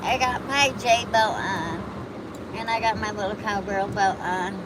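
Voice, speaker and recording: A woman from Buffalo, New York, hosts a livestream amid traffic, speaking at a medium pitch and a measured pace. She's chatty and rambling, reacting to chat comments as she casually answers viewers.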